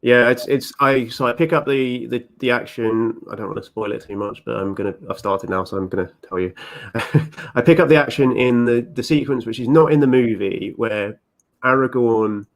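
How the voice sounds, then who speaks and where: A man's voice: medium pitch, moderate pace. A man chatting as a guest on a show, with many ums and restarts as he explains his plans. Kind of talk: casual chat.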